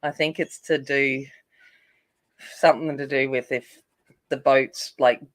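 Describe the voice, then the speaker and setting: While coloring on a live stream, a woman talks loosely with her viewers, meandering and filling pauses with fillers. She has a rumbling low voice, steady and unhurried, which she describes as not soothing.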